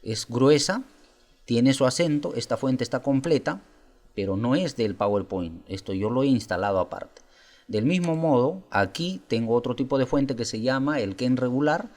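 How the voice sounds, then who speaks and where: A man presenting a software tutorial, explaining step by step and asking viewers rhetorical questions. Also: mid-range voice, lively intonation, normal speed. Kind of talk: screen-recorded software tutorial.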